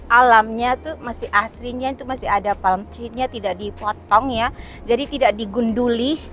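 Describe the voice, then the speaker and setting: A middle-aged travel vlogger from East Nusa Tenggara in eastern Indonesia chats casually while walking along a beach outdoors. Her fairly high voice is full of "eh" fillers and short laughs, with a little hiss or hum in the recording.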